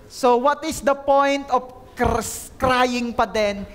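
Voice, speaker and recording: Guy pastor preaching hard, high voice, switches between tagalog and english, gets the church to say stuff back. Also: extremely slow. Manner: emphatic preaching with call-and-response, mixing Tagalog and English. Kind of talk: sermon.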